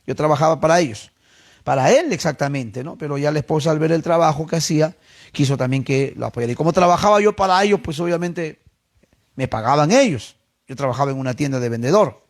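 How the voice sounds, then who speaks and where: Guy pastor preaching, kinda high gravelly voice, goes quiet then loud, keeps saying brothers. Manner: storytelling preacher, swinging from low murmurs to raised, emphatic questions; addresses listeners as brothers, drawn-out emphasis on scripture. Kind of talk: sermon.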